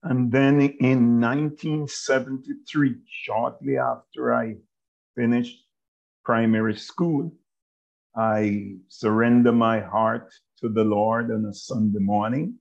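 A Jamaican man in his sixties talks as a guest in a fairly low voice, slow and measured, pausing often between phrases. The recording is dull and lo-fi. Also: gravelly, darkish tone. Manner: measured and halting, with many pauses. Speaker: guest, bishop and author. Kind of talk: casual interview talk.

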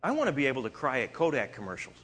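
A man from Eastern Canada preaching a sermon, telling stories in an animated way and often restarting his sentences. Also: mid-range voice, rapid-fire, a little hiss or hum. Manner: animated storytelling with frequent restarts.

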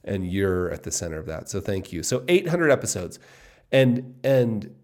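Excited gravelly-voiced man in his fifties. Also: low-pitched, moderate pace. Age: 50s. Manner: excited, musing aloud, repeats himself. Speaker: podcast host. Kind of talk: casual solo podcast monologue.

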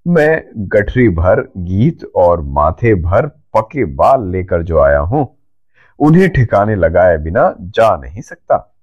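A man voicing a jovial, teasing old bald grandfather in a storybook reading, slow and playful. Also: low voice, very animated, highs cut off, exaggerated voice.

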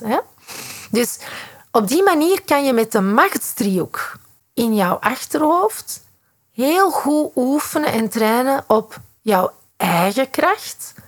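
A woman with a Flemish accent, a psychotherapist explaining in a podcast monologue, who acts out short quoted reactions as she goes. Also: mid-range voice.

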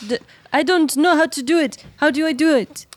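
A woman's voice: high voice, a little fast, no echo. A woman playing a tabletop game, casual and tentative, asking questions in character. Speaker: player. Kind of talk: casual tabletop role-play.

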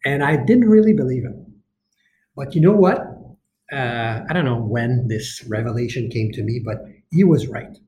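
A man's voice: medium pitch, lively intonation, moderate pace, mellow, highs cut off. Earnest executive man in his fifties. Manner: earnest, passionate, frequent restarts. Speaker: company executive guest. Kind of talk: podcast interview answers.

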